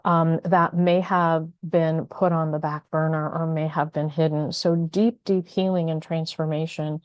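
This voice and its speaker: A woman's voice: sits low, level tone, unhurried, darkish tone, smooth, no room sound. A woman hosting an astrology video, talking casually and thoughtfully with many fillers and restarts. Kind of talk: casual spoken astrology guidance.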